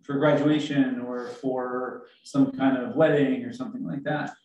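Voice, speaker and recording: A man's voice: medium pitch, fairly even intonation, measured pace, a little mellow, highs cut off. A man, a council member, speaking casually and practically in a meeting discussion. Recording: very echoey, distant mic.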